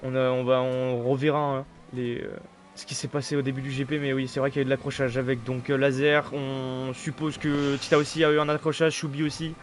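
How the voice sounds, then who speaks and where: A man's voice: mid-range voice, level tone, brisk. A man giving casual live motorsport commentary, calling each overtake as it happens. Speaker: esports motor racing commentator. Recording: clear background noise, vehicle sounds.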